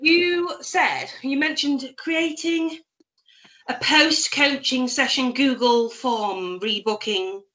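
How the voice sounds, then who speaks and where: A woman's voice: sits high, takes it slowly, bright, forceful tone. A woman talking candidly with her coach on a video call, open about what she likes and dislikes. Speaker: coaching client.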